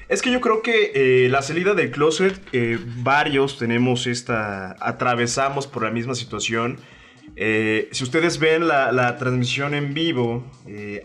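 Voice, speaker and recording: A man co-hosts a casual podcast conversation. He explains social ideas in a thoughtful, measured way, using a middle pitch. Faint music plays behind him. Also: fairly bright tone. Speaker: co-host.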